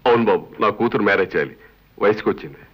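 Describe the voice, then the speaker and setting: A fawning greedy minister. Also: male voice, on the low side, expressive, very fast, husky. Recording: dull lo-fi film audio with loud score.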